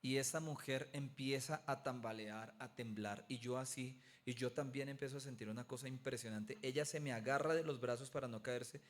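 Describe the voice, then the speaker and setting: Animated pastor telling a testimony. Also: male voice, mid-range voice, moderate pace, hardly any pauses. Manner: animated storyteller, acts out voices, rises to near-shouting at peaks. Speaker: pastor teaching a theology class. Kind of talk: preaching-style lecture with personal testimony.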